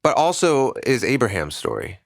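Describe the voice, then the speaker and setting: A man co-hosting a podcast in casual chat, asking curious follow-up questions and reacting quickly. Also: mid-range voice, big pitch swings, vocal fry, no room sound, clean studio sound. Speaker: co-host.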